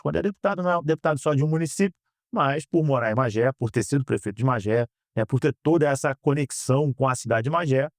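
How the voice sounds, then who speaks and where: Man, 30s, from Brazil; earnest, measured interview guest, middle voice, dry studio mic. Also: mid-range voice, dry recording. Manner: earnest, measured, frequent "né?" tags. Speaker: guest, politician. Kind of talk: interview answers. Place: podcast studio.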